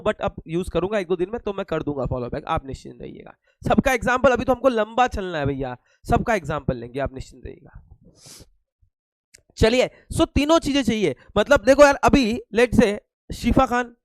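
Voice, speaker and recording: A high-voiced young man with an Indian accent gives an online lecture, his throat a little hoarse. He teases his students and fires questions he answers himself. The sound is close and dry, with no room around it. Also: no room sound, rough recording. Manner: joking, asks and answers his own questions. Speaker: teacher.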